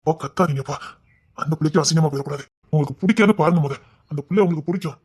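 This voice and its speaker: A man's voice: fairly high pitch, very fast, a little mellow, breathy edge. A young man acting a proud village son who earnestly pleads with his parents, in a family drama.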